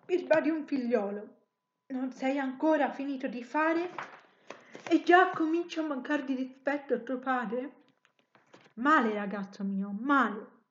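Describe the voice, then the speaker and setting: A woman voicing an old male woodcarver, a gruff but tender father, speaking slowly and deliberately in a storybook reading. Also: sits high, reverberant, lo-fi sound. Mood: sorrowful.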